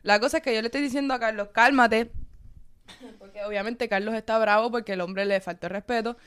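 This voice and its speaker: A young woman telling a story in casual chat, animated and switching into English. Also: a little high, fast, clean tone. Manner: animated, mixes English into Spanish.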